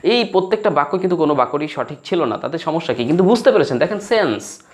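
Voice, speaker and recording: A man's voice: fairly high pitch, expressive, quick pace. A Bengali-speaking man teaching spoken English, explaining in Bengali and acting out broken English phrases.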